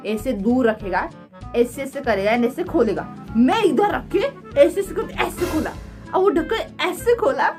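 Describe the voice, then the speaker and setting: Animated high-pitched young woman vlogger. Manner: animated, dramatic, laughing storyteller. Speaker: craft vlogger. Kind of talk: casual storytelling vlog.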